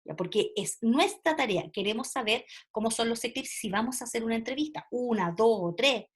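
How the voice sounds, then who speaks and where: Explanatory woman, fairly high voice. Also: animated, fairly quick. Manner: explanatory, many rhetorical questions and tag questions. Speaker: teacher trainer. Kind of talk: recorded lecture for teachers.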